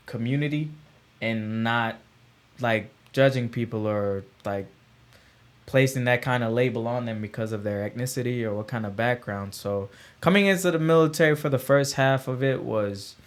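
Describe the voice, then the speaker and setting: A man's voice: medium pitch, normal speed. A man hosting a podcast chats in a loose, affirming way with an ordinary mid-range voice. He fills his talk with "man" and "like" and keeps it casual. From Guyana. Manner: relaxed, affirming, lots of "man" and "like". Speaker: podcast host, military veteran.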